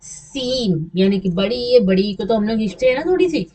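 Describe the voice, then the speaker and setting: A woman's voice: mid-range voice, animated, fast, warm tone. A woman English teacher giving a slide lesson, patiently repeating and stretching example words. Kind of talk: classroom lesson over slides.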